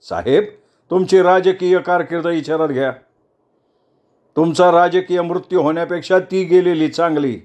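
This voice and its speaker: A man's voice: a little high, normal speed, a little mellow, dull audio, voice pushed up, lightly acted. A man voicing a scheming male henchman who persuades his boss.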